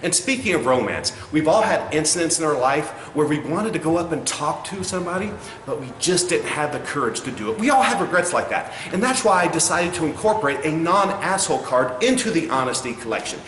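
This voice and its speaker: A man playing a crude, cynical clown pitchman in a spoof infomercial, swearing and mock-sincere as he sells insulting greeting cards. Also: very animated, fairly quick, fairly bright tone. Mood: salesy, proud. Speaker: comedian in character as a clown. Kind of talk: spoof infomercial sales pitch with recited rhyming card verses. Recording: roomy echo, faint background noise.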